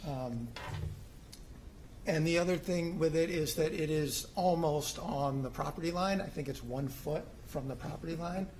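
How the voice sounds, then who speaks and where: In a rough recording with slight background noise, a middle-aged man with a fairly high, darkish voice talks at normal speed. He is a homeowner applicant laying out his own plans to a city commission in a city hall meeting room, hesitant and informal, with plenty of ums and false starts.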